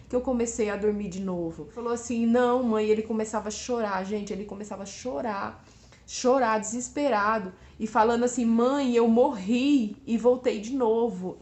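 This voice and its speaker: A middle-aged woman, a mother, giving a halting, earnest church testimony and often checking in with a tag question. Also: a little high, reverberant.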